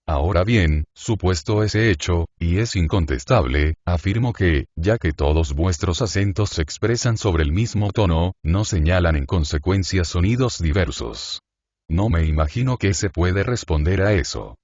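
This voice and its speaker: A man narrating a philosophical essay as an audiobook, in a measured, even reading. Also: low voice, dry recording, lo-fi sound.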